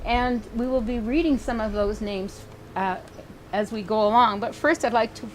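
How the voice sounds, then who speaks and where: An older woman reverend opens a memorial service outdoors, talking in an informal, conversational way with occasional fillers. Her voice sits fairly high, with faint hiss and open-air ambience behind it. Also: fairly even intonation, normal speed, poor audio. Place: outdoor garden at her home.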